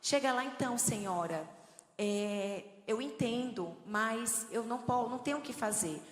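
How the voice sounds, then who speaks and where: Middle-aged woman preacher, lively and humorous, fairly high voice, long church-hall reverb. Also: moderate pace. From Northeast Brazil. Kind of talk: sermon.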